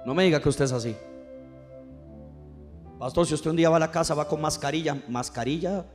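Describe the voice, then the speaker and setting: A man's voice: fairly high pitch, fairly quick, a little mellow, soft background music. A man preaching a fervent sermon in church, urging the congregation to respond aloud. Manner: fervent, rising and falling preaching with call-and-response. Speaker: pastor.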